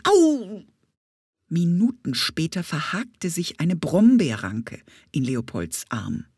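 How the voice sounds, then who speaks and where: Slow, lively woman reading a children's story. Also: low-pitched, husky, dry recording, studio quality. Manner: lively, expressive, sometimes whispered. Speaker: audiobook reader. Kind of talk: children's audiobook narration.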